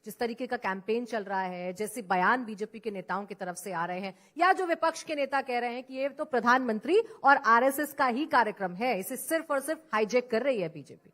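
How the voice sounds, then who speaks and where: A woman's voice: on the high side, expressive, brisk, few pauses, fairly bright tone. A woman news anchor interviewing a politician on a conference stage, asking pointed, formal questions that set out the critics' case first.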